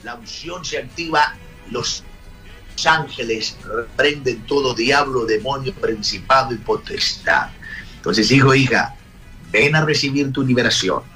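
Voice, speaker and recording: A middle-aged Argentine man, a pastor, preaching a sermon through animated storytelling, with sudden shouted exclamations. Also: mid-range voice, measured pace, faint music behind. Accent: Argentine Spanish.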